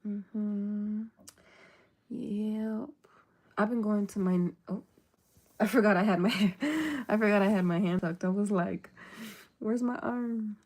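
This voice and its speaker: A woman's voice: mid-range voice, slow, darkish tone. A woman chatting casually on a livestream, laid-back and rambling, often dropping into a half-whisper. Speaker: livestream host.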